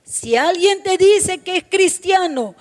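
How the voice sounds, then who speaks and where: A woman pastor delivers her sermon in a very high, piercing voice. She takes her time, unhurried and deliberate, and she hammers home her points by repeating key phrases straight to the congregation. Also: lively intonation, darkish tone. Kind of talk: Pentecostal-style sermon.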